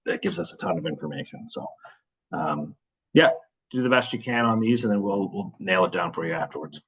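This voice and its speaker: A man's voice: low-pitched, animated, a little fast, a bit bright, slightly rough, low-quality recording. A man explaining product selections in a webinar walkthrough, practical and full of fillers.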